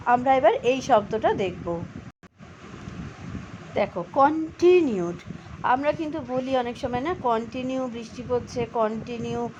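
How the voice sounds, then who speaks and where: High-voiced teacher, slow patient reading. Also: female voice, a little mellow. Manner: reads English lines very slowly, then explains spelling and pronunciation. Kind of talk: bilingual reading lesson for children. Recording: slightly dull low-fi recording with faint background noise.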